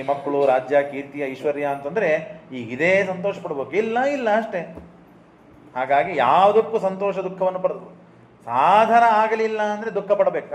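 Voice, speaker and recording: A man's voice: on the high side, echoey room. A man giving a religious discourse. He tells stories and asks and answers his own rhetorical questions. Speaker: preacher giving a scripture discourse.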